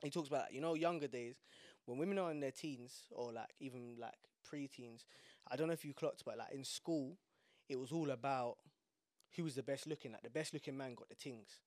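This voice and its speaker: A man's voice: mid-range voice, a little fast, a little mellow, dry recording, studio quality. A young man with a London urban street accent, chatting casually and emphatically in slang on a podcast. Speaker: podcast host.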